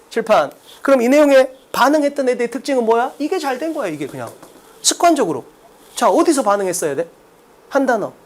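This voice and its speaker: A brash male test-prep lecturer at the blackboard talks bluntly, constantly tossing rhetorical questions at his students. His pitch swings widely, rising and dropping with emphasis as he drives each point home.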